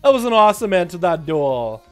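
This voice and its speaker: In a livestream of game duels, a Russian-speaking man with an American accent chats with viewers and calls the action excitedly, shouting when big moments come. He speaks fairly quickly in a high-sitting voice over soft background music.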